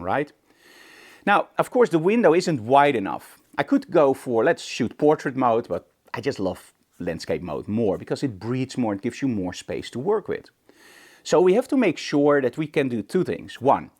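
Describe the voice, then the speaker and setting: With a medium-pitched, slightly mellow voice, a Netherlands-born show host whose first language is Dutch teaches photography informally to camera. He speaks in an emphatic, conversational way, leaning on rhetorical questions.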